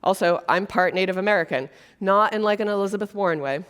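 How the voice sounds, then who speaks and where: A Brazilian woman delivers a conference keynote on stage before an audience, speaking earnestly and conversationally with plenty of fillers. Her mid-range voice is fairly bright and clean, and she talks fast.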